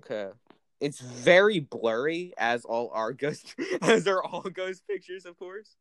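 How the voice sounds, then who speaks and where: A man's voice: fairly high pitch, sing-song, measured pace, a bit bright, dry recording. A man co-hosting a casual podcast, telling spooky stories in a playful, rambling way.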